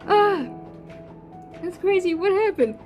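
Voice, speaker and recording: A woman's voice: high voice, animated, moderate pace, highs cut off, faint music behind. A woman casually speaking the lines of an earnest young male ninja hero, in a chatty paraphrasing way. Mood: alarmed.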